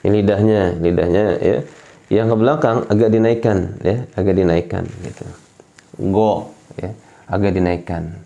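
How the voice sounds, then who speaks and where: Low gravelly male Quran teacher. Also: steady tone, normal speed, warm tone, lo-fi sound. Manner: patient, repeats each point and demonstrates sounds. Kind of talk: explaining articulation to home viewers.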